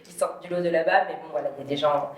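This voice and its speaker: A woman's voice: sits low, fairly even intonation, racing, far from the mic. Chatty Parisian woman in an echoey room. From Paris, France. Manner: chatty, laughs often, many fillers. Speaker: entrepreneur guest. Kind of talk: casual interview chat.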